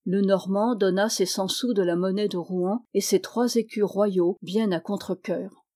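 A woman narrating a historical novel aloud in a steady audiobook reading. Her voice sits at a middling pitch, and she reads in a lively way, lifting it higher and louder when the villagers speak. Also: measured pace. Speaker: audiobook reader. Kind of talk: scripted narration.

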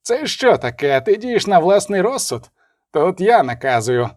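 A man's voice: high voice, sing-song, measured pace, a little mellow, voice pushed up. A man voicing a haughty duke who gives orders in an imperious, commanding tone, in an audiobook reading.

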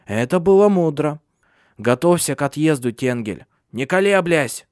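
A man doing a sharp, scornful old witch. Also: a little high, expressive, normal speed, no echo, clean studio sound, voice pushed up, natural voice. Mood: scolding. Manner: sharp, scolding, imperious. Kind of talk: audiobook character voice.

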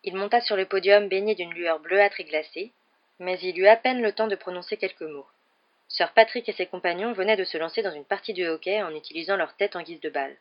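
A woman reading a novel aloud in a steady, calm narrating voice. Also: fairly low pitch, a little fast. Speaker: storybook reader. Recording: dull lo-fi recording.

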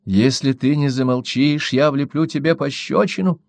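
A man's voice: medium pitch, normal speed, vocal fry, no echo, pitched above the performer's own voice, natural voice. A man voicing an anxious, indignant grown woman who speaks tensely and reproachfully, in a storybook reading.

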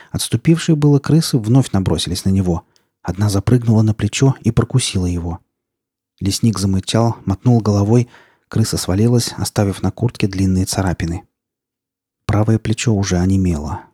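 A man reading an audiobook as narrator, in a tense, gritty storytelling manner with steady, measured delivery. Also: lowish voice, breathy edge, dry recording, clean studio sound.

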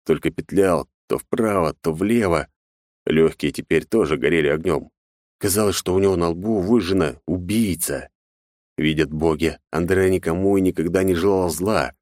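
A man's voice: deep voice, moderate pace, a little mellow, no echo, studio quality. A man narrating a fantasy audiobook in a tense, dramatic reading. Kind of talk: scripted narration.

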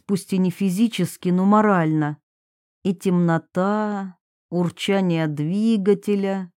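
Slow, mellow woman reading an audiobook. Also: medium pitch, no echo, clean studio sound. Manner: slow and even. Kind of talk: audiobook narration.

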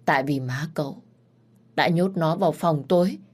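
A woman's voice: low-pitched, normal speed, breathy edge. A woman voicing a bitter, resentful mother in a spoken story, accusing and raised. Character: bitter grieving middle-aged mother, servant woman.

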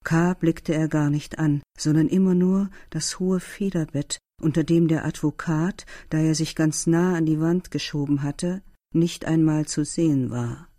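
A man narrating a literary novel in a steady, measured storytelling manner. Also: a little high, no room sound, clean studio sound.

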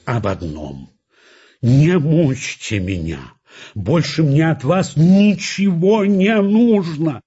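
A man's voice: fairly high pitch, big pitch swings, takes it slowly, dark tone, slightly rough, lo-fi sound, pitched above the performer's own voice, heavily acted. A man voicing a moody, irritable male painter who groans and snaps impatiently. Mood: pained pleading. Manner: groaning, impatient, through gritted teeth.

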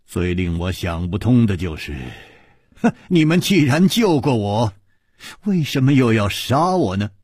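A man doing a calm, wry swordsman hero. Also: medium pitch, husky, dry recording, clean studio sound. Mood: reasoning. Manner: measured, reasoning, with little scoffs. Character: calm clever male hero, wry and probing.

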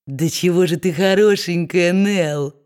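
A spiteful old-fashioned storybook dwarf, growling low and gloating over everyone around him, voiced by a woman. He bullies in one breath and coos with fake sweetness in the next. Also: measured pace, a little mellow, lightly acted. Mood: mock-sweet. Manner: sneering, bullying, mock-sweet.

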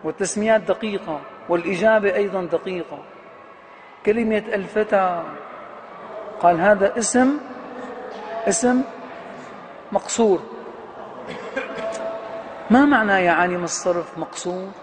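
A man with a high-pitched voice gives a classroom grammar lecture as a professor. He keeps asking his students questions and then answering them himself, and he draws out key words to stress them. His voice rings with a long reverb in a hall, over a faint hiss. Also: normal speed, pauses often.

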